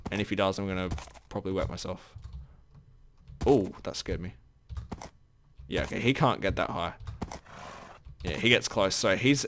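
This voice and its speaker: A man's voice: fairly low pitch, a bit bright, slight background noise. A man giving casual gameplay commentary as the host of his own let's play, rambling and often correcting himself. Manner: rambling, self-correcting, chatty.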